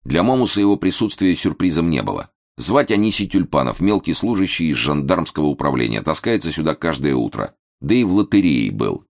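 A man narrating an audiobook with a lively, expressive reading. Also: very deep voice, fairly quick, gravelly, hardly any pauses. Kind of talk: scripted narration.

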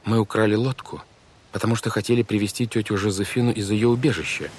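A man's voice: on the low side, fairly even intonation, quick pace, a little mellow, slight background noise, lightly acted. A man voicing an indignant, determined teenage girl who protests firmly.

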